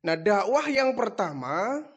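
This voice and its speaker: A male preacher delivering a sermon as a dramatic story, switching easily between narration and acted lines. His voice sits high and moves with lively energy. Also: takes it slowly, breathy edge.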